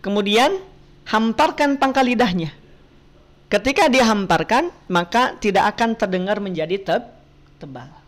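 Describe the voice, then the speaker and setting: A woman teaches Quran recitation over a video call at an unhurried, careful pace. She patiently quizzes her students and models each sound for them. Her voice sits at an ordinary middle pitch. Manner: patient, asks students questions and models pronunciation. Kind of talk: online Quran reading class.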